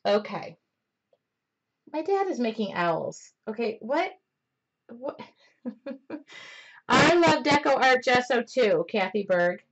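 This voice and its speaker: Woman, slightly high voice, art teacher, live-stream painting demo, rambling, excitable, loud. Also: slow pace, long pauses, muffled recording. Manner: excitable, rambling, talks loudly. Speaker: mixed media art instructor.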